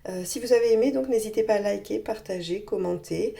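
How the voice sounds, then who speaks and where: A tarot reader, a woman whose medium-pitched voice is hoarse from a cold, reads cards for her viewers. She speaks gently and reassuringly, with many pauses.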